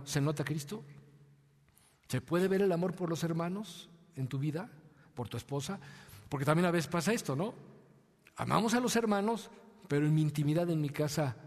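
Mexican pastor preaching in a reverberant hall. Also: male voice. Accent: Mexican Spanish. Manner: preaching with rhetorical questions and sudden drops to a soft, low voice. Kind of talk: sermon.

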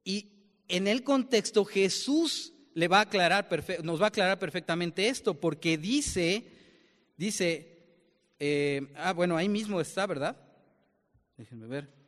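A man preaches with a fairly high voice, and a long reverb hangs on his words as the sound rings through a large hall. He keeps turning to his listeners with questions and explains with plain everyday examples. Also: lively intonation, a little slow, fairly bright tone. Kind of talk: sermon.

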